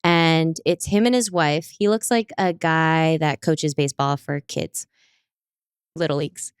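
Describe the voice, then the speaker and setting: Young woman podcast cohost, lowish smooth voice, dry close mic, animated storyteller. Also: a little slow, no room sound. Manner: animated storyteller, acts out quoted people. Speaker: podcast co-host. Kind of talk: casual chat.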